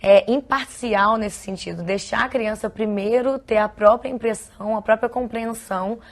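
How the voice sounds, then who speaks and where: A Brazilian woman speaking as a guest on a studio talk show, explaining in a steady way. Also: fairly high pitch, moderate pace. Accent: Brazilian Portuguese. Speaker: guest specialist.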